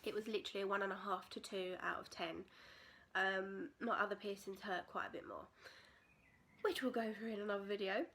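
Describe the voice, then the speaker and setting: A woman's voice: mid-range voice, steady tone, fairly quick, a bit bright. A British woman in her twenties telling a personal story in a casual, candid, chatty vlog style. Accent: British English. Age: 20s. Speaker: vlogger.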